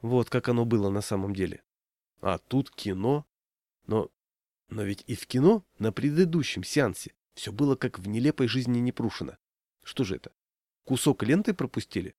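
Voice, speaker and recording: A man narrating a story in a measured, ironic way. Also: mid-range voice, animated, warm tone, no echo, clean studio sound. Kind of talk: audiobook storytelling.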